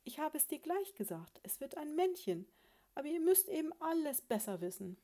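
A woman reading a storybook, voicing a prim, self-assured female sparrow who lectures her husband in a patronizing, gently scolding way. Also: medium pitch, animated, measured pace. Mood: sweetly bossy.

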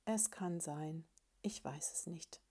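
Woman voicing a drowsy, exhausted male beetle in a storybook, murmuring slowly. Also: fairly low pitch, darkish tone, natural voice. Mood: sleepy. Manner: drowsy, murmured, half-whispered answers. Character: sleepy, worn-out husband beetle, male.

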